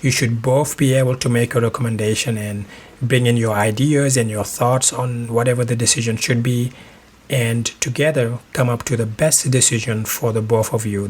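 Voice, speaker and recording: A man from Senegal hosting a solo advice podcast, speaking in a calm, measured, reflective way. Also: medium pitch, slightly rough. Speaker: podcast host.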